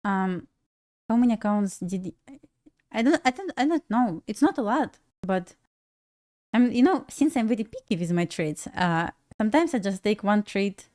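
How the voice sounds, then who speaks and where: This young woman from Belarus speaks with a Russian accent, Russian being her first language. On a casual trading stream she talks to her audience, laughing a lot and stumbling into restarts. Her pitch is medium, her delivery animated, her tone somewhat dark.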